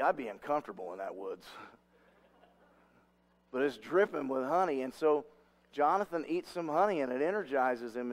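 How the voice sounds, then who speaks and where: A man preaching a sermon in a relaxed, rambling way, with many restarts and side stories. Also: a little high.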